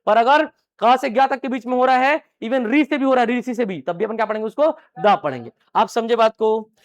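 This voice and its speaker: High-voiced man teaching a class. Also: brisk. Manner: asks the class a question, then answers it himself; repeats key phrases many times. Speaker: English teacher. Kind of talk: live classroom lecture. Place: classroom with students.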